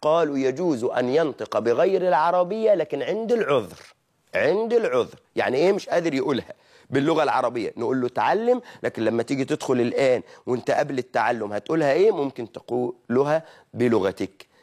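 A man's voice: mid-range voice, expressive, fast talker, a little mellow. A man with an Egyptian Arabic accent giving a religious lesson, who asks his listeners questions, answers them himself and mimics wrong pronunciations to correct them. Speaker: preacher.

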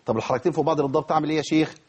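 A man's voice: a little high, steady tone, rapid-fire, darkish tone, slightly rough. A man with an Egyptian Arabic accent teaching a tajweed lesson. He quizzes his students and models each pronunciation for them. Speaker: Quran recitation teacher.

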